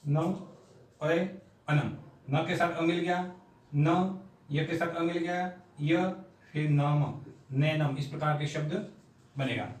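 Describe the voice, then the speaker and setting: A fairly high-pitched man with a steady tone teaches grammar at a board, captured by a distant mic in an echoey room. His slow, stepwise explanation includes sounding out each syllable aloud.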